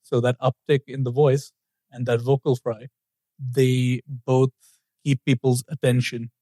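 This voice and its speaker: A man co-hosting a podcast in a relaxed, chatty way, laughing often. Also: medium pitch, a little slow, no echo. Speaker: podcast co-host. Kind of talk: casual podcast chat.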